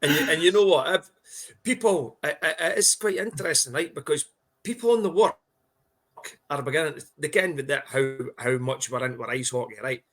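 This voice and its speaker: Bright-voiced man with a broad Scottish accent. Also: on the high side, brisk. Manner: sweary, blunt, colloquial. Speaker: podcast co-host. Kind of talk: casual sports chat.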